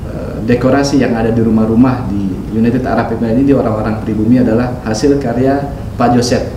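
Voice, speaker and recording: Talkative guy interviewing someone, lots of "eh"s, kinda far from the mic with faint hum. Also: medium pitch. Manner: chatty, laughs often, many fillers. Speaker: vlog host interviewing a guest. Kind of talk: casual interview chat. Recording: roomy, distant, faint noise.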